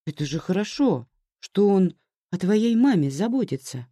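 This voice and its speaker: A woman reading a story aloud, voicing a practical, sympathetic young friend who speaks calmly. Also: mid-range voice, normal speed, no room sound, clean studio sound, pitched above the performer's own voice. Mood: reasonable.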